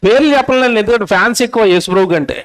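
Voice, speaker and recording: A male preacher with a Telugu accent gives a sermon at a convention, his voice very high and smooth. He presses his listeners with one insistent rhetorical question after another, scolding as he goes. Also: rapid-fire, fairly bright tone. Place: convention stage.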